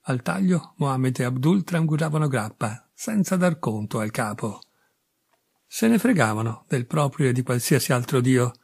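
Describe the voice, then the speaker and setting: A man narrating an audiobook in a measured first-person storytelling voice with a dry, bitter edge. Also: mid-range voice, expressive, creaky, a little mellow, breathy edge. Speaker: audiobook reader.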